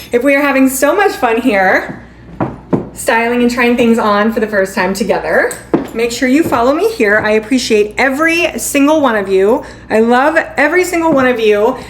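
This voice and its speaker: A woman hosting a live shopping stream in a bubbly, chatty way, calling viewers sweetheart and honey. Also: high-pitched. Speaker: livestream shopping host. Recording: echoey room, faint background noise.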